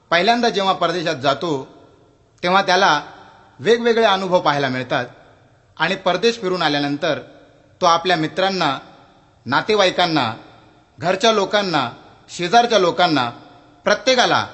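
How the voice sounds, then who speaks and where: Bright high-voiced comedian man. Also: lively intonation, long reverb tail. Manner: brisk joke narration. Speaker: stand-up comedian and mimic. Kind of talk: stand-up comedy storytelling.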